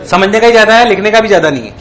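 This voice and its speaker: A man lecturing on physics in a lively way, often asking the class if it is clear. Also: high-pitched, racing, some chatter behind. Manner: acts out electrons in playful voices. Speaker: physics teacher. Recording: echoey classroom.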